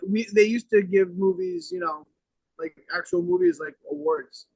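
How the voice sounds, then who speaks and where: A young man with a notably high voice, talking brashly and swearing at every turn as he rambles through a casual podcast chat. The sound is dry and close, with little room around it. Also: very animated, normal speed, gravelly, darkish tone, dry recording, rough recording. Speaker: podcast co-host. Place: outdoors.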